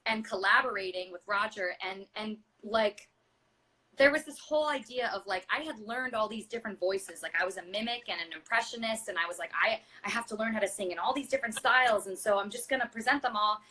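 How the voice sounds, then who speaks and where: A woman's voice: medium pitch, brisk, bright, forceful tone. A woman in her thirties, a stage actress and singer, chatting casually as an interview guest, full of fillers and acting out quoted voices. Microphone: video call.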